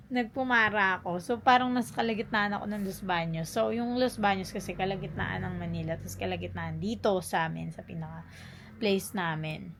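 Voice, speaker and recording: A young woman vlogger telling a story casually, chatty and animated, mixing in English phrases. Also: medium pitch, normal speed, gravelly, noisy background.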